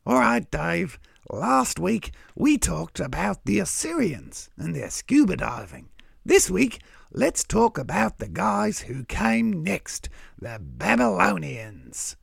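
A cheerful Australian crow with a very gravelly, husky voice. He talks like a blokey tradesman, full of matey slang and folksy asides, and his pitch swings about in a scripted comic educational chat. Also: huge pitch swings, slow pace, dry recording, clean studio sound, heavily acted. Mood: chatty, matey. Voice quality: gravelly, raspy.

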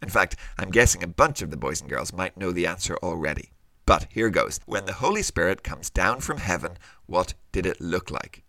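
Animated male kids show host, bright voice. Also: sits low, normal speed, gravelly, dry recording. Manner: kids show host addressing children directly. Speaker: host of a children's Bible podcast. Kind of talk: scripted, conversational presenting.

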